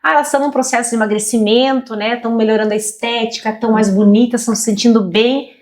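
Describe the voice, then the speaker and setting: A woman's voice: fairly high pitch, steady tone, fast talker, darkish tone. A woman with a Brazilian Portuguese accent, a nutritionist guest chatting casually, earnest and advising, often repeating key phrases. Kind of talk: casual chat.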